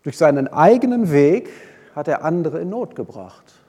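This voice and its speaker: A man preaching a sermon, retelling a Bible story with lively swings between loud and hushed delivery. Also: a little high, normal speed, breathy edge. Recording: long hall reverb.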